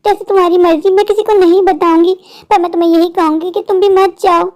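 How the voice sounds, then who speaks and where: A woman's voice: very high-pitched, fairly even intonation, fast talker, darkish tone. A woman voicing a caring young girl who urgently pleads with her best friend, in a cartoon story. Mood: worried.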